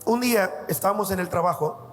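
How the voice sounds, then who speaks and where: A pastor with a notably high voice preaches, weaving his own stories into the sermon in an earnest, heartfelt way. Soft music plays faintly behind him. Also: a little fast. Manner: earnest storytelling, addresses listeners as "amado". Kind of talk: sermon with personal testimony.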